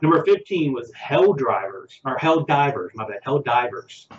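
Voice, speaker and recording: A man's voice: mid-range voice, sing-song, normal speed, roomy sound, lo-fi sound. A man co-hosting a casual podcast chat, rambling and hesitant as he goes down a list. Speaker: podcast co-host.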